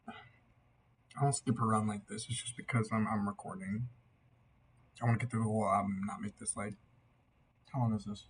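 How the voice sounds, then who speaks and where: A young man giving a casual, tipsy album reaction in a loose, meandering, slightly husky way. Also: fairly low pitch, a little hiss or hum, poor audio. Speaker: amateur music reviewer.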